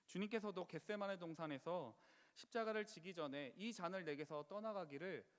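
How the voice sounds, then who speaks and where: A man's voice: high-pitched, moderate pace. A man preaching a Friday prayer sermon, earnest and pleading, now and then crying out with feeling. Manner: earnest, pleading, rising to impassioned outcries. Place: church sanctuary. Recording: long church hall reverb.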